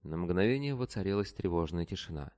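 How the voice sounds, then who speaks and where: Deep-voiced male audiobook narrator. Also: expressive, fairly quick, a little mellow.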